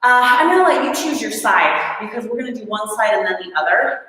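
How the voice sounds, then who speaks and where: A woman's voice: fairly high pitch, lively intonation, brisk, fairly bright tone. A woman fitness instructor leading a live workout class, coaching in an upbeat way, counting reps aloud and joking about her own effort. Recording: echoey room with long reverb.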